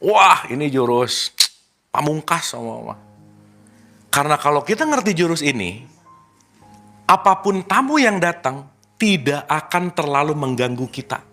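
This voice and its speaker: A man giving an informal spiritual talk to a group, lively and teasing, full of rhetorical questions. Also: on the high side. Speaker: spiritual teacher.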